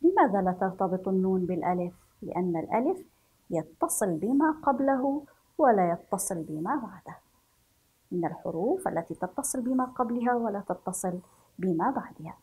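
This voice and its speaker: A woman teaching a children's reading lesson, slowly sounding out each letter and syllable. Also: mid-range voice, sing-song, mellow, husky, low-quality recording. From Yemen. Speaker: primary school teacher.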